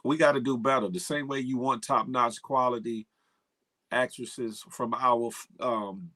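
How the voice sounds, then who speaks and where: A man's voice: medium pitch, fairly even intonation, a little slow, sharp tone. A man hosting a casual chat, speaking informally and often repeating his phrases. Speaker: show host.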